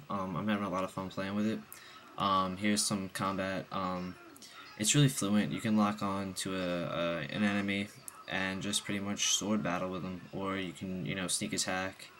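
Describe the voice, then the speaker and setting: A man's voice: deep voice, fairly bright tone, slight background noise. A young man with the hiccups giving a rambling, casual game review voice-over, full of ums and restarts.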